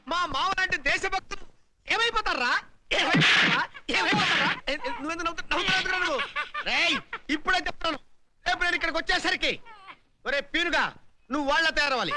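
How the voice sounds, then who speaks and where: An actor playing a bossy, blustering young man who mocks clumsy recruits with rapid-fire scolding and insults, in a 1990s film comedy. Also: very high-pitched, pushed and bright, slight background noise, exaggerated voice. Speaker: comic lead in a film.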